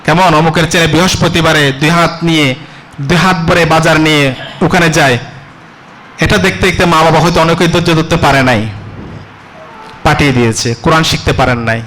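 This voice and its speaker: Preacher, fairly high voice. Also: male voice, steady tone, a bit bright, a little hiss or hum, poor audio. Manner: rhetorical questions to the congregation, chanting Arabic verses slowly. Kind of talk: Bengali religious sermon (waz).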